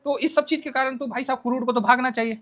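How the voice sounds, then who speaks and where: Guy with a highish voice doing chatty joking stock market talk, lots of questions to himself. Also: quick pace, noisy background. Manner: joking, colloquial, full of rhetorical questions; lively, playfully acts out the news. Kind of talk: casual market commentary.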